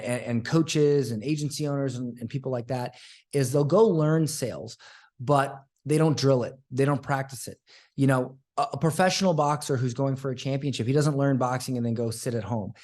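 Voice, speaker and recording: A man's voice: medium pitch, normal speed, a little mellow. A man speaking as a podcast guest and sales coach in casual interview talk, earnest and repeating his points for emphasis.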